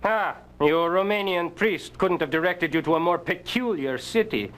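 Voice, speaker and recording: An actor playing a haughty, teasing Victorian gentleman in a period horror game, arch and theatrical. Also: sits high, normal speed. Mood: amused, arch.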